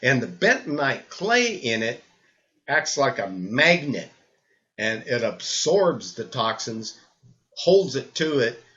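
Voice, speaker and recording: An older man talks at a middling pitch, rambling and restarting with repeated words. His voice comes through the muffled, lo-fi sound of an old camcorder recording. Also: big pitch swings, takes it slowly, a bit bright. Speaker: health supplement presenter. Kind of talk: rambling spoken talk.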